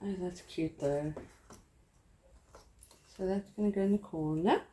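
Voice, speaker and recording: A woman's voice: fairly low pitch, a little slow, dark tone, slight background noise. A young woman from South Africa, chatting casually and rambling a little as she works at her craft desk, poking fun at herself as she goes. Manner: chatty, rambling, self-deprecating. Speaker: craft vlogger. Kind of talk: casual crafting tutorial chat.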